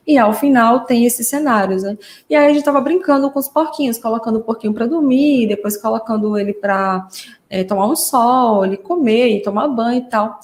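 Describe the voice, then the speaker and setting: A woman speech therapist teaching parents in a live online class, explaining patiently and often checking in with "né?". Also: fairly high pitch. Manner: warm explanatory, frequent "né?" tags. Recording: roomy echo.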